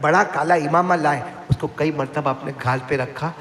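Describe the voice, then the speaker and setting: A man delivers an impassioned sermon to a seated gathering, his fairly high voice rough with fry. He shifts from hushed pleading to ringing cries and keeps urging the listeners to respond. It comes through a public address mic in an echoey hall with a long tail of reverb and faint background ambience. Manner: prompts the crowd to call back praise; fervent, swings between soft pleading and high cries. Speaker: preacher. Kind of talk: impassioned live sermon storytelling. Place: religious gathering before a seated audience.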